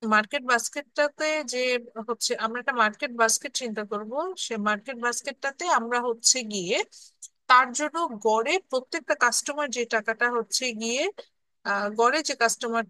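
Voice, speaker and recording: Her fairly high, pushed, bright voice comes through a dry, low-quality recording as she lectures an online university class. She blends English terms into her Bengali, delivers English phrases slowly and carefully, and often checks in with students.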